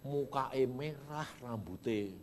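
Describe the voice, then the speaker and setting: A male pastor preaching a sermon in a church, with a Javanese-influenced Indonesian accent and animated storytelling that swings from loud to low. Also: slow pace, big-room sound, slight background noise.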